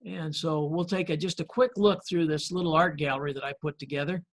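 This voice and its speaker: A male pastor delivers a conversational sermon, leaning on folksy stories and light humor. His voice sits a little higher than most men's. He talks in a friendly, unhurried way with frequent pauses. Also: fairly even intonation. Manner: folksy storytelling with gentle humor.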